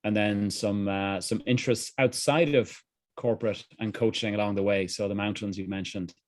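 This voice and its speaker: A middle-aged executive coach from Ireland, with a Dublin accent, gives candid, earnest and reflective answers as an interview guest, often restarting phrases. His voice is lowish, fairly even in intonation and moderately paced, with no room sound.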